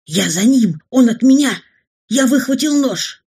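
A frightened teenage schoolboy pleads and frets, his voice near tears, as a woman reader puts him on. The tone is soft and breathy. He is an anxious storybook boy in trouble. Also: a little high, lively intonation, a little slow, voice pushed up, exaggerated voice.

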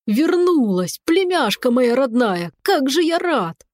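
A woman voicing a hysterical, whiny male talking cat who squeals and pleads in drawn-out wails. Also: high voice, sing-song, darkish tone, no room sound, studio quality, full character voice. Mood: squealing pleading.

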